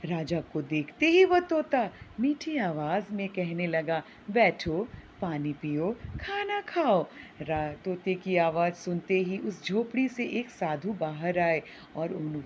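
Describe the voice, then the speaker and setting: A woman teacher slowly reading and explaining a story to children. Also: highs cut off, a little hiss or hum. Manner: slow and explanatory, with lively pitch.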